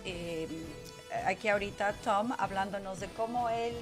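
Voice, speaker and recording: Female radio host, mid-pitched, talkative, quick to laugh, casual interview tone. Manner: chatty, laughs often.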